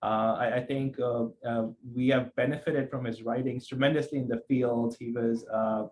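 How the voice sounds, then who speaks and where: Man from Pakistan, psychiatrist guest, thoughtful, hesitant restarts, medium pitch. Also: steady tone, normal speed, darkish tone, poor audio. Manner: thoughtful, many restarts and fillers. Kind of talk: conversational interview.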